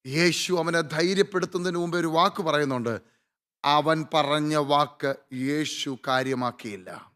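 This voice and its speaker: High-voiced preaching pastor. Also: male voice, a bit bright. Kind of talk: sermon.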